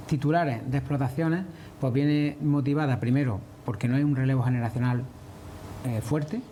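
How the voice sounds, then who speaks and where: A man's voice: mid-range voice, warm tone, a little hiss or hum. A man answering as a farmers' representative in a broadcast interview, earnest and explanatory.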